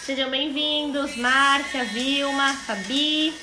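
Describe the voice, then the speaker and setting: A Brazilian woman in her thirties, a psychologist, hosts a casual Instagram live stream from home and greets viewers in a chatty, welcoming way, thinking aloud as she goes. Her voice is high-pitched and slow with a Brazilian Portuguese accent. The rough, reverberant recording has music playing in the background.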